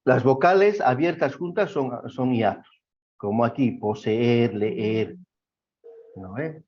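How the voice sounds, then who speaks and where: A man lectures a class at a slow, unhurried pace, stopping often to ask if everyone follows. The sound is dull and lo-fi. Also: medium pitch, lively intonation, darkish tone, breathy edge. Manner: slow, explanatory, checks with frequent questions. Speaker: teacher. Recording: dull lo-fi recording.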